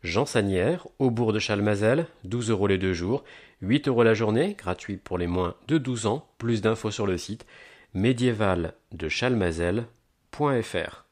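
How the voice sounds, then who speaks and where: Male promo narrator, lowish pitch, upbeat and emphatic on headlines, scripted delivery. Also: unhurried, a little mellow. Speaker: announcer of a local events agenda.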